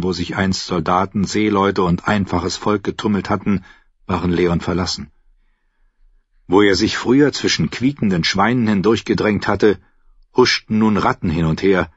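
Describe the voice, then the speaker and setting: A male narrator reads the story in a steady, measured way, with a husky voice. The recording is dry and close, with a muffled, lo-fi sound. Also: sits low, no room sound. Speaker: audiobook narrator. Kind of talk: scripted narration. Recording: dull lo-fi, dry.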